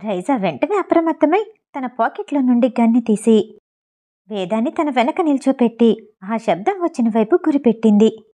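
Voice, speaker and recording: Brief: woman audiobook narrator, mellow warm tone, fairly high voice, steady storytelling. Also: moderate pace. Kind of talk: scripted novel narration.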